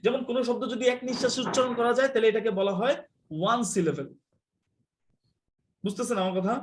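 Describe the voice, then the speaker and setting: A man teaching a live online English class, explaining quickly and telling students to mute their mics. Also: very high-pitched, a little hiss or hum. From Bangladesh.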